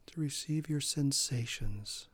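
Slow, calm man guiding meditation. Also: medium pitch, no room sound. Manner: slow, calm, with soft breathy trailing phrases. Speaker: meditation guide. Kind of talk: guided meditation.

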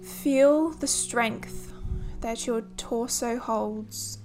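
Slow, gentle woman guiding meditation. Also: on the high side, soft background music. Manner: gentle, soothing, instructing in short unhurried phrases. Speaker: meditation guide. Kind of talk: guided body-scan meditation.

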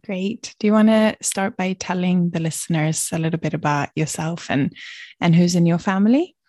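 A woman hosting a podcast, talking softly and sometimes dropping to a near whisper between cheerful greetings. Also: fairly low pitch, moderate pace, dry recording, clean studio sound. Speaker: podcast host. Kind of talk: podcast interview.

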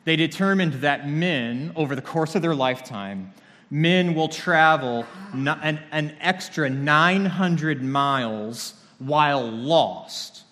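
A man preaching to a congregation in a relaxed, conversational way, slipping in dry jokes as he goes. His voice sits a little high for a man, and it rings out with the long reverb of a large church hall. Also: slow. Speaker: pastor. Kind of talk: sermon.

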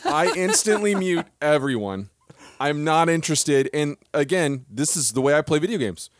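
A man co-hosting a podcast in casual chat, animated and quick to laugh at himself. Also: on the high side, slight background noise. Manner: animated, laughs often, self-deprecating. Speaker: podcast co-host.

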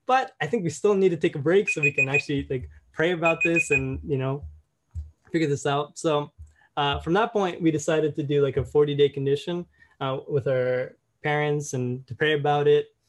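A man's voice: on the high side, normal speed. A young man casually and reflectively sharing a personal story, often saying "you know".

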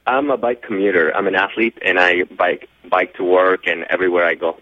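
A man calling a radio show for advice, answering questions haltingly and in short phrases. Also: low-pitched, steady tone, pushed and bright, no echo. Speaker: radio show caller seeking legal advice. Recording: tinny narrowband phone line.

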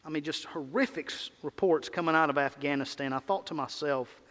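A man with a Mississippi drawl preaching a sermon as a pastor, emphatic and repetitive, with deliberate pauses. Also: a little high, a bit bright. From Mississippi, United States. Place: large church hall, preaching to a congregation. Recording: reverberant hall sound.

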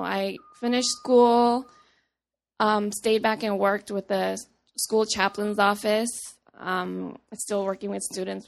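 A woman from Papua New Guinea shares a personal testimony in an earnest, conversational way, restarting lines and acting out dialogue. Her medium-pitched voice has a gravelly edge.

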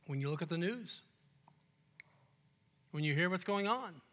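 A male pastor preaching a sermon in church, conversational and joking, dropping to hushed tones at times. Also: high-pitched, expressive, a little slow. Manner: conversational and joking, with sudden soft, hushed quotes.

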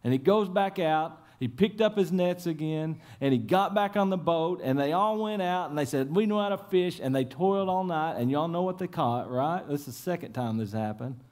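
A man preaching an Easter sermon. His voice sits a little high for a man. He retells scripture scenes the way you'd tell a friend a story, casual and lively, and keeps asking the congregation whether they're following. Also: moderate pace, hardly any pauses. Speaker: pastor.

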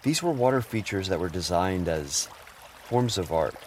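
A middle-aged man fondly narrating humorous family memories in a gentle storytelling manner. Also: low voice, expressive, moderate pace, slight background noise. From Houston, Texas area. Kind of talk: personal memoir narration.

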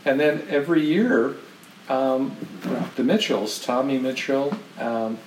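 A man's voice: medium pitch, takes it slowly, distant mic, noisy background. A man telling stories in a casual, rambling way, with many restarts and laughs. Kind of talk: casual storytelling. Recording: roomy and from off-mic.

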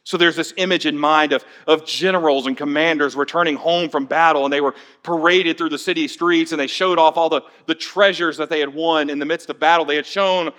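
A man preaching a sermon as pastor, animated, with playful sarcastic asides and dramatic readings of scripture. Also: on the high side, brisk, hardly any pauses.

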